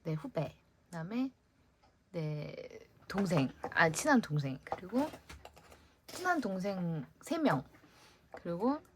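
A woman's voice: lowish voice, sing-song, slow pace, long pauses, a little hiss or hum. A young woman chatting casually while decorating a diary, musing aloud and sometimes whispering to herself. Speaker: vlogger.

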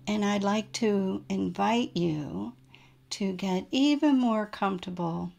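Speaking as a yoga nidra teacher, a woman leads a relaxation meditation in a gentle, soothing way, leaving unhurried pauses. Her voice is medium in pitch and creaky.

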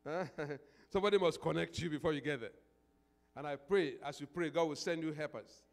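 A man's voice: a little high, a little fast, gravelly. An older man preaching a sermon as a pastor, emphatic, repeating phrases and posing call-and-response questions into a handheld microphone. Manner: emphatic, swelling into prayer declarations. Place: indoor church stage. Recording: reverberant church hall.

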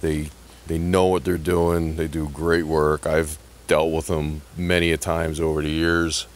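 A man's voice: a bass voice, flat delivery, measured pace. A middle-aged man from Connecticut filming a casual, rambling vlog outdoors on a handheld phone, joking and sarcastic as he jumps from topic to topic. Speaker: YouTube vlogger and truck tinkerer. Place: outdoor gravel yard. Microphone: handheld phone camera, speaker off-screen.

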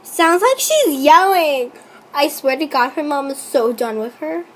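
A young woman reacting to a texting game she reads aloud, with excitable, teasing and exasperated commentary. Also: sits high, a little slow. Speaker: YouTuber playing a chat-story app.

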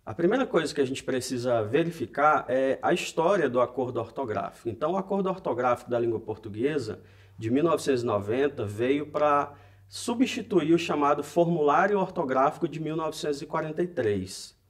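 A man's voice: fairly high pitch, animated, brisk, husky. A man from Brazil giving a recorded lesson as a teacher, explaining step by step and addressing viewers directly. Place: educational studio.

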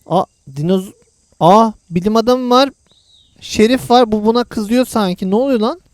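Chatty and excitable, a gaming channel host narrates the action play by play for his audience and teases his friend who is playing with him. He has a high voice and speaks at a normal speed, recorded dry.

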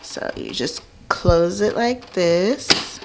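Low-voiced woman giving an enthusiastic home tour. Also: extremely slow, noisy background. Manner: enthusiastic, gushing, frequent ums. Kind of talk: casual home tour narration. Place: furnished home basement.

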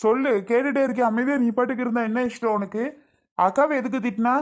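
A woman's voice: on the high side, steady tone, fast talker, natural voice. A woman playing a young man who questions his angry wife and coaxes his nieces in a family skit. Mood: questioning. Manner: questioning, coaxing, affectionate. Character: concerned brother and uncle, young man.

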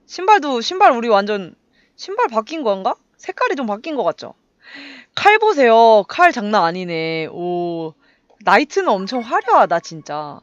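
A young woman casually commenting on her gameplay, chatty and excitable, making little sound effects as she fights. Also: mid-range voice, normal speed, dry recording, muffled recording. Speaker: game streamer.

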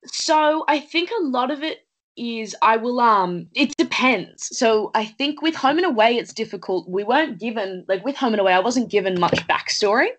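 A woman's voice: on the high side, expressive, normal speed, rough recording. A young woman in her late teens from Australia, an actress talking earnestly in a casual interview over a video call from home, thoughtful and chatty with plenty of fillers. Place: indoors at home. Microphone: laptop webcam on a video call.

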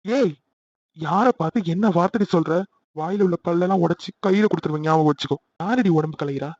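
A man voicing a hot-tempered young boyfriend in a cartoon, angry and shouting. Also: high-pitched, fast, no echo, highs cut off. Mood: furious.

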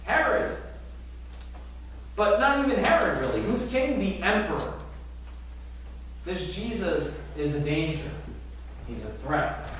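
A middle-aged man preaching a sermon as pastor, animated, asking the congregation rhetorical questions. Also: high-pitched, slow pace, pauses often, a little hiss or hum. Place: large church sanctuary, indoors. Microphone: far camera at back of church. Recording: very echoey sanctuary from far off.

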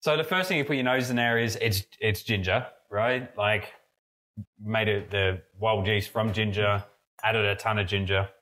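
A low-voiced man muses over a tasting at a brewery at a moderate pace. As a podcast co-host and mead brewer, he keeps the chat relaxed and rambling, full of fillers and restarts, indoors in a room with steel tanks.

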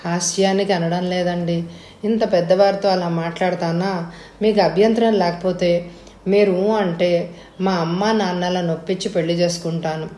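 A woman's voice: lowish voice, fairly even intonation, normal speed, dark tone, reverberant, close to an everyday voice. A woman voicing a polite, earnest young man in a spoken storybook.

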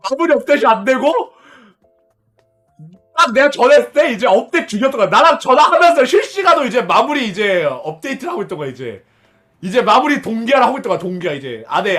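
A man's voice: high voice, big pitch swings, fast talker, fairly bright tone, soft background music. A young man streamer casually telling a story to his viewers, laughing often, repeating himself and swearing along the way.

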